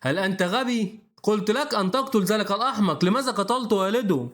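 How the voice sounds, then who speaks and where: A man's voice: sits high, fast, a bit bright. A man voicing a cold, arrogant master in an old man's body, curt and dismissive.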